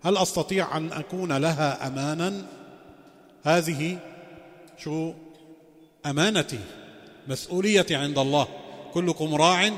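A man's voice: a little high, moderate pace, long pauses, fairly bright tone. A man giving a religious lecture as a sheikh. He poses rhetorical questions and moves between formal phrasing and colloquial asides. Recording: long reverberant hall.

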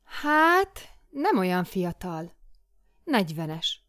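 A woman's voice: on the low side, very animated, fairly bright tone, no echo, clean studio sound. A woman reading an audiobook voices a worldly woman friend who speaks in a wry, knowing way. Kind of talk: audiobook character voice.

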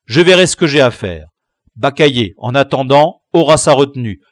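A man's voice: medium pitch, expressive, normal speed, no echo, studio quality, close to an everyday voice. A man voicing a stern village schoolmaster issuing punishments and orders in a storybook. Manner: stern, commanding.

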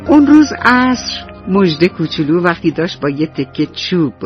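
A woman storyteller narrating a bedtime story for children on the radio, talking warmly to her young listeners. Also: on the low side, very animated, lo-fi sound, music in the background. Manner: warm, friendly addressing children.

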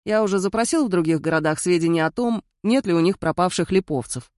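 A woman's voice: fairly low pitch, quick pace, darkish tone, dry recording, close to an everyday voice. Sex: man, read by a woman. Figure: anxious secretary in an audiobook. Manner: fretful, complaining. Sound: dry. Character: fussy young male secretary, anxious.

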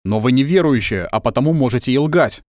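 A stern police officer in a spoken story barks short, commanding questions, as a male narrator puts him on. His tone is curt and dismissive, with a lively pitch. The sound is dry and close. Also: fairly quick, no echo, natural voice.

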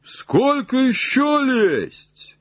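A man voicing an old male servant, simple and sly, calling down in high drawn-out shouts. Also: wildly swooping pitch, breathy edge, no room sound, muffled recording, full character voice. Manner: high drawn-out calls from far up a tree.

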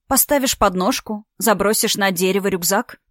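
A woman's voice: mid-range voice, moderate pace, dry recording, clean studio sound, close to an everyday voice. A woman reading a storybook part, voicing a tired, defensive single mother in her thirties. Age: 30s. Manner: defensive, exasperated.

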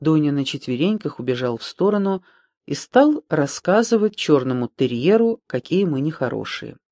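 A man's voice: a little high, very animated, normal speed, darkish tone, no echo. Man narrating an audiobook, dry close sound. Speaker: audiobook reader. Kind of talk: scripted narration.

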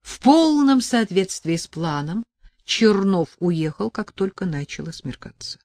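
Male narrator for a novel, measured and even, dry close recording. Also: high voice, no echo. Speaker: audiobook narrator. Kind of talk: scripted narration.

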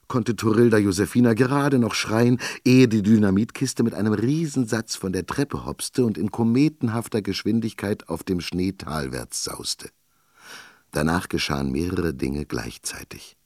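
A man narrating a children's story in an expressive, lively reading voice. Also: on the low side, dry recording, studio quality.

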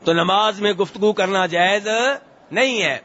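A man preaching a hadith lesson in a high, bright voice, going over each phrase more than once. He recites Arabic lines slowly, then explains them. The recording sounds dull and lo-fi. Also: fairly even intonation. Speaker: Islamic preacher.

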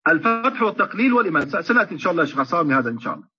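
A man teaching Quran recitation in an online lecture, explaining at length and slowing down to chant example verses. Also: on the high side, animated, sharp tone, breathy edge. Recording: muffled lo-fi online audio.

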